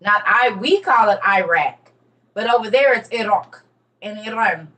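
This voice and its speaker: A woman's voice: medium pitch, expressive, measured pace, pushed and bright, far from the mic. A woman giving an emphatic, repetitive casual lecture to her viewers, teaching as she reads. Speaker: online teacher on religion and history.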